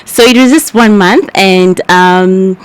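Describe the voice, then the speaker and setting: A woman's voice: mid-range voice, slow, clear, resonant tone. A young woman from Kenya, a guest on a radio interview, talking casually and openly with frequent laughs. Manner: laughs often, chatty and open.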